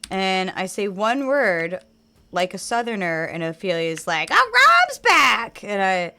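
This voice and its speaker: A woman chatting casually while she plays a game, rambling on and trailing off into quiet mutters as she focuses. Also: lowish voice, clear, resonant tone. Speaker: game streamer.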